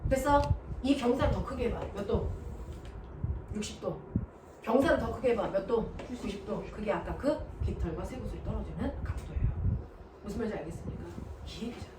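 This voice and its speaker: Lively woman physics teacher, echoey. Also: medium pitch, a little fast, far from the mic. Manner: lively, quizzes students with constant check-ins. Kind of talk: classroom lecture. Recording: echoey room, voice from afar, noisy.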